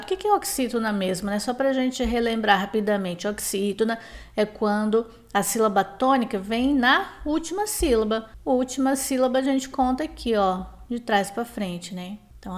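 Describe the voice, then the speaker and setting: A woman teaching a grammar lesson, explaining clearly and drawing out example words. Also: mid-range voice.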